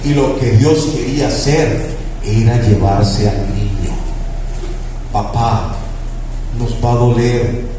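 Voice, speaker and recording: A man's voice: medium pitch, fairly even intonation, slow pace, pauses often. A man preaching a sermon. He is emphatic, repeats key phrases and stretches words for emphasis. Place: church hall. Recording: echoey church hall, distant mic, background noise.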